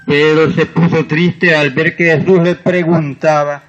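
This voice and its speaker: Male reader, unhurried scripture reading, slightly raised pitch. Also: level tone, highs cut off, crowd noise. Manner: slow, measured reading.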